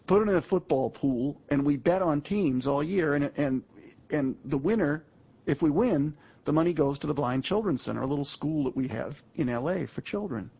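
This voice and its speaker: A man's voice: a little high, gravelly, husky. A man in his sixties, a guest speaker telling a personal story to an audience in a folksy, emphatic way, addressing the listeners directly. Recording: muffled lo-fi audio.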